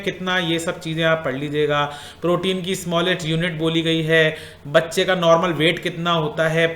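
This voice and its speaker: A man's voice: fairly high pitch, a bit bright, reverberant. A male teacher going through exam questions in a casual way, repeating points and asking the class questions.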